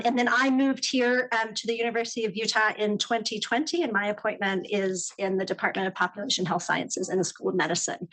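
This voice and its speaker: A woman in her forties with a mid-pitched voice gives an informal academic presentation. She speaks as a researcher introducing a panel and her own background. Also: fairly bright tone, low-quality recording.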